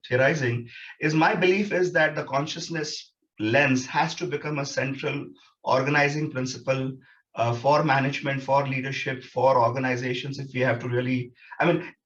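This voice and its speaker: A man delivers an academic conference talk in a reflective, steady way, stacking his points in lists. The audio sounds dull and slightly muffled, like a low-fidelity video call. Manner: reflective, builds points in repeated phrases. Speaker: researcher presenting.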